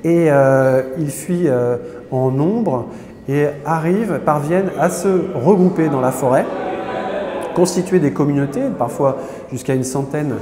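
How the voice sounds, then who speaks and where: A man's voice: a little high, a little slow, background noise. A man explaining history at an exhibition, hesitant, with many filler sounds and restarts. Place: indoor exhibition gallery. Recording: echoey hall with crowd behind.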